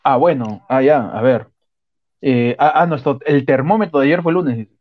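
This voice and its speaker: A man's voice: medium pitch, moderate pace, no room sound. A man hosting a casual comedic radio chat, joking and laughing often. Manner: joking, mock shouting, frequent laughter. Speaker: host. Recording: dull lo-fi sound.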